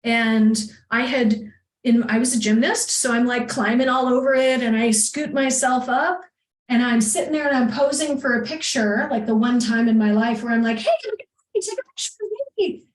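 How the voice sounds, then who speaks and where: A woman coach as a podcast guest, telling personal stories in a chatty, animated way and laughing often. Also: on the high side, normal speed. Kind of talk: casual conversation, personal storytelling. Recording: echoey room.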